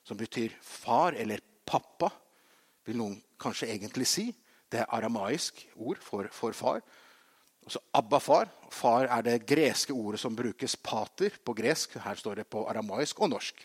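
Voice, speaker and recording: A man preaching a sermon, swinging between loud emphatic peaks and quiet low asides, often adding rhetorical questions to the congregation. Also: expressive, breathy edge. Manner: frequent rhetorical "ikke sant?". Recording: long reverb of a large hall.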